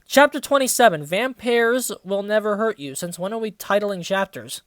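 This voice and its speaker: Someone who sounds to be in their twenties reviews fan fiction by reading it aloud dramatically, with lively intonation, a mid-range voice, and normal speed in a dry recording. They keep breaking off into sarcastic, sweary, mocking commentary.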